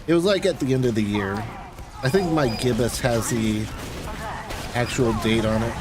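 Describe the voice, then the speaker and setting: A male game streamer from the United States rambles in relaxed, conversational chat on his livestream. He talks at a moderate pace with a medium-pitched voice.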